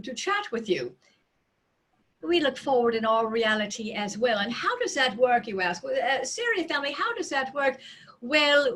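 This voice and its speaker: A woman as a slow, high-voiced seance medium spirit. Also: a bit bright, full character voice. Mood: welcoming, delighted. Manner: solemn, deliberate, drawn-out phrasing with dramatic pauses. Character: loving, serene non-physical collective spirit channeled through a woman. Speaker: trance channeler, seance medium. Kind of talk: trance channeling, seance medium address.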